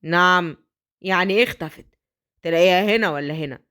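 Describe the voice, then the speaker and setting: A woman voicing a cold, dismissive wealthy father who scolds in a low Egyptian voice. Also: quick pace, a bit bright, smooth, natural voice. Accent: Egyptian Arabic.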